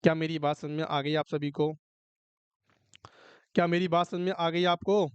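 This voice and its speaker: A man's voice: on the high side, fairly even intonation, moderate pace, clear, resonant tone, no room sound, dull audio. A male nursing exam tutor giving an online lecture, who keeps asking students whether they have understood and mixes English medical terms into his Hindi. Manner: coaxing, repeatedly checks if students understood.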